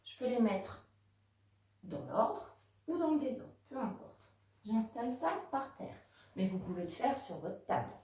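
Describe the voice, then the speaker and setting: A woman teaching a home lesson to young children, speaking slowly and clearly to the kids and their parents. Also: fairly high pitch, big pitch swings, mellow. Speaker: kindergarten teacher. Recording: very echoey room, voice from a distance.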